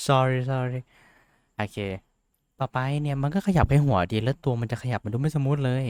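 A young VTuber host runs a casual screen-share tutorial in a warm, mid-range voice, talking fast with studio-quality, echo-free audio. He rambles, jokes about himself, and chats along with lots of fillers.

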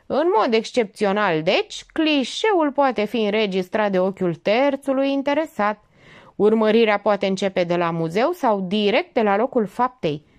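A woman's voice: medium pitch, animated, pitched above the performer's own voice, lightly acted. A woman voicing a cocky, flippant young man. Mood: smug. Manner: flippant, cheeky.

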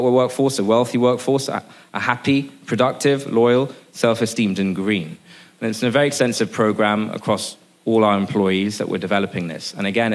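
A man from Sri Lanka in his forties giving a conference speech at a lectern microphone, earnest, with many restarts and fillers. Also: mid-range voice. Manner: gestures at a lectern. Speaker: business executive speaking at a panel. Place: conference room, indoors.

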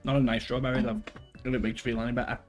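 A man's voice: medium pitch, flat delivery, racing, soft background music. A man in his thirties in a casual, sweary challenge chat, talking while eating gross jelly beans. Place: small living room at home, indoors.

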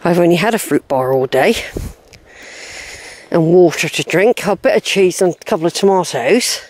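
With a lowish, slightly mellow voice, lively intonation and normal pace, a woman vlogs while walking a grassy hillside. Short of breath and wheezing, she never appears on her handheld camera, instead chatting, rambling and muttering to herself along the way.

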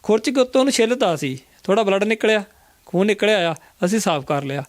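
A man, an herbal remedy practitioner, explaining home cures in a health interview and acting out his patients' words in an animated way. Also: high voice, fast, dry recording.

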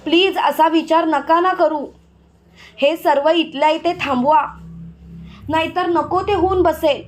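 Brief: woman reading as a fierce village woman, high voice, sharp and accusing. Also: fairly even intonation, measured pace, slight background noise. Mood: angry.

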